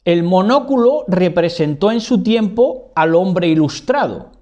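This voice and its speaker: A man's voice: high voice, lively intonation, measured pace, darkish tone, muffled recording. A man giving a didactic monologue, repeating key words and tagging his points with "¿verdad?". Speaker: lecturer.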